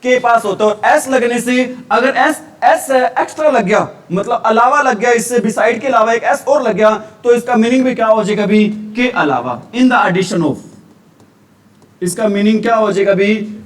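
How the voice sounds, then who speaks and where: An Indian male teacher with a strikingly high voice leads a grammar revision lecture at a moderate pace. He repeatedly asks questions and answers them himself, with the mic some distance away.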